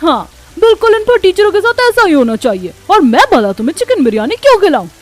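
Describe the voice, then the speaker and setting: A woman's voice: very high voice, big pitch swings, quick pace, no room sound, pitched above the performer's own voice. A woman voicing a spiteful, well-off neighbor mother in a cartoon, talking in a mocking, haughty way.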